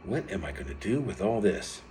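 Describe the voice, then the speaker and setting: A man's voice: lowish voice, animated, moderate pace, a little mellow, a little hiss or hum, voice pushed up, close to an everyday voice. A man voicing a resourceful teenage girl hero in a story reading, with a lightly raised, matter-of-fact delivery. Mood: determined.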